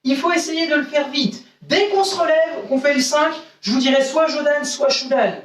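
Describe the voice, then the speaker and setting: A man's voice: very high-pitched, moderate pace, a bit bright, a little hiss or hum. A man teaching an online karate class to children, counting out exercises and often checking "d'accord?". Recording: echoey room, voice from mic distance.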